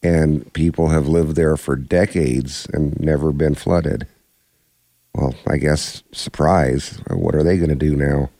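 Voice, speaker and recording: A man's voice: very deep voice, steady tone, slow pace, creaky, warm tone, no room sound. An American man co-hosting a casual live radio chat with a dry, wry manner. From Nebraska, United States. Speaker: radio co-host.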